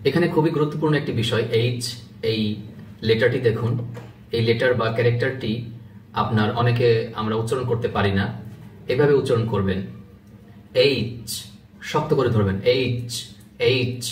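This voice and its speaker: A man teaching English letter pronunciation, patiently repeating each sound slowly and explaining how to place the tongue and teeth. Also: mid-range voice, a little hiss or hum. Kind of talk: instructional video lesson. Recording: echoey room from a distance, faint ambience.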